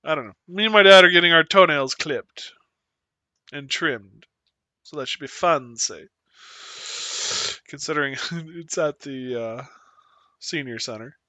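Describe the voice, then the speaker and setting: A man's voice: on the high side, measured pace, pauses often, sharp tone, no room sound. A young man chatting casually with his viewers at the end of a live stream, sleepy and rambling in a self-deprecating way. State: sleepy, yawning. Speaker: Twitch streamer.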